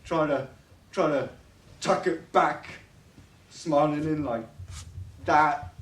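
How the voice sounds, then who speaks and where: A man's voice: on the high side, slow. A man playing a bitter drunken old father on a college stage, rambling and stammering as he pleads and rails. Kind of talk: stage play acting. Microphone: distant room microphone. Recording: echoey stage recorded from far off.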